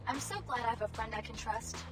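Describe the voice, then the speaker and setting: A woman's voice: fairly high pitch, quick pace, music in the background, lightly acted. A woman voicing a fake-friendly AI assistant with a sing-song, sugary manner that turns coldly scheming.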